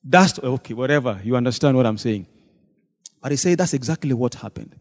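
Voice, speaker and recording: Animated and brisk, with a mid-range voice, a man tells his congregation about a church meeting. He's a deacon giving testimony and imitating the people he quotes, recorded with long hall reverb.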